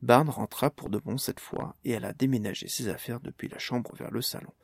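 A man narrating a story in a steady, measured reading voice. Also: mid-range voice, vocal fry, husky, dry recording, clean studio sound.

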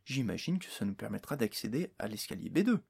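A male narrator voicing a calm, clever female sorceress in a storybook reading. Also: medium pitch, a little fast, vocal fry, husky, full character voice. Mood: calm, assured.

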